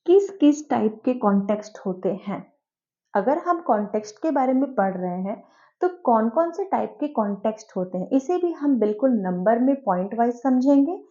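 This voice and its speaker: A woman's voice: on the high side, expressive, moderate pace, mellow, highs cut off. A woman teacher giving an online exam-prep lecture, explaining step by step and asking herself rhetorical questions.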